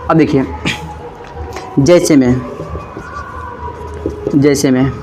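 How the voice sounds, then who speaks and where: A man's voice: mid-range voice, steady tone, over music, rough recording. A man teaching a grammar class who asks questions and then answers them himself, stretching out words as he writes on the board. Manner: drawn-out words while writing on a board.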